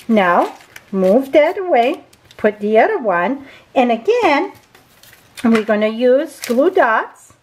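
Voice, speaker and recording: Slow-talking French-accented woman teaching card-making. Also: fairly high pitch, very animated, a little hiss or hum, rough recording. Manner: chatty, unscripted, with small grammar slips and self-corrections. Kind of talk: craft tutorial demonstration. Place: indoors at a craft table.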